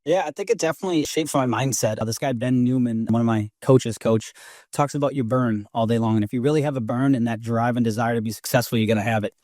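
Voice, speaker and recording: Here the same kind of guest, a forties-aged real estate investor from Brockton with a slight Boston lilt, rattles off casual stories at a fast clip. His mid-range voice is a little mellow, recorded in studio quality without any room sound.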